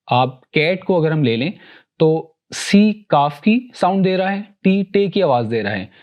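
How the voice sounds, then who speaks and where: Man, English pronunciation teacher, unhurried, drawn-out example words, slightly high voice. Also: highs cut off. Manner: slow, deliberate, sounds out example words one by one; mixes Hindi-Urdu explanation with English examples. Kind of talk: recorded lesson.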